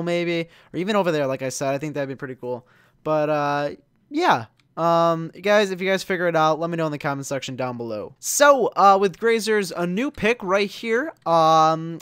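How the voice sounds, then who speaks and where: A man's voice: sits high, fairly bright tone, smooth, dry recording, clean studio sound. A man hosting a gaming video, chatting casually in a rambling way with lots of fillers and nervous laughs. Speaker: gaming channel host. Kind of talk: casual gameplay commentary.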